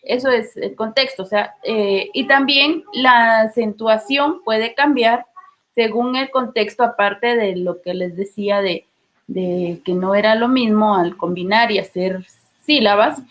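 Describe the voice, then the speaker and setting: A woman teacher with a Guatemalan accent explaining a lesson, checking in with tag questions and pausing on fillers. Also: fairly high pitch. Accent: Guatemalan Spanish. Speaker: literature teacher. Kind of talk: recorded class lesson.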